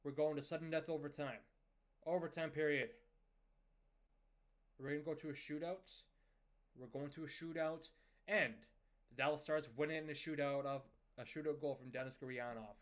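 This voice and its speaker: A young man giving casual play-by-play commentary over a hockey management video game, recapping scores and lineup moves in a steady, conversational way. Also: fairly high pitch, fairly quick.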